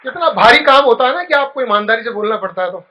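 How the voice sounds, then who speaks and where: A man giving a motivational speech, telling a personal story with feeling and dropping soft at the tender parts. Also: lively intonation, fast talker. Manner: storytelling, emotional, drops low and soft at touching moments. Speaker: motivational speaker. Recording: dull lo-fi recording.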